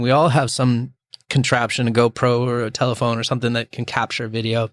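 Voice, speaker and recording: A man's voice: medium pitch, a bit bright, no room sound. A man hosting a conversational podcast, chatty and opinionated, asking long, winding questions of his guest. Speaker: podcast host. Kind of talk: conversational interview.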